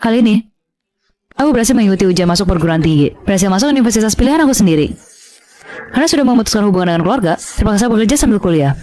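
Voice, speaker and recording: A woman's voice: medium pitch, expressive, very fast, darkish tone, lightly acted. A woman voicing an earnest, determined young heroine. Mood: resolute. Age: young adult. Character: determined young woman given a second chance. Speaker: narrator and heroine. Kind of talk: dubbed drama narration.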